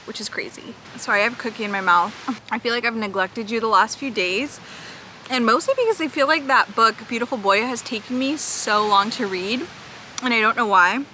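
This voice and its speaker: A woman's voice: medium pitch, sharp tone, slight background noise, low-quality recording. A young woman chatting casually in a book vlog from a beach, rambling with lots of "like" fillers. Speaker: book vlogger. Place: outdoors at a beach.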